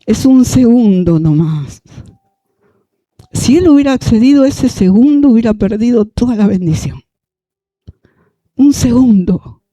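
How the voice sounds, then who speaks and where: High-voiced preacher, dry sound. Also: male voice, animated, normal speed, warm tone, dry recording. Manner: folksy, addresses listeners as brother, calls for repetition. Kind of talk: sermon.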